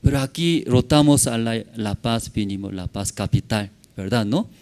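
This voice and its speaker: A male pastor preaching a Sunday sermon in church. He speaks in short, simple phrases and keeps checking in with the congregation. His delivery swings between loud, emphatic bursts and quiet asides. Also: mid-range voice, normal speed. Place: church service.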